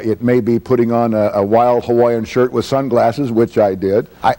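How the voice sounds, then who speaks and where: A man in his sixties, a retired news anchor, looking back on his career in a relaxed interview and chuckling easily. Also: fairly low pitch. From United States. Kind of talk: reflective interview recollection. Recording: faint music underneath.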